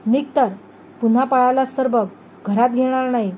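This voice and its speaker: A woman reading a storybook aloud voices a stern village mother who loudly and harshly scolds her son. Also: fairly high pitch, fairly even intonation, unhurried, lo-fi sound, slight background noise, natural voice. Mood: stern warning.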